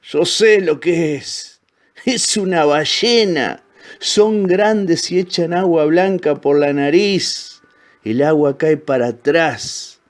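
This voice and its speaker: A man doing a slow, high old caiman. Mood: knowing. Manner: slow, high, drawn-out lines. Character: old wise male caiman, slow, knowing.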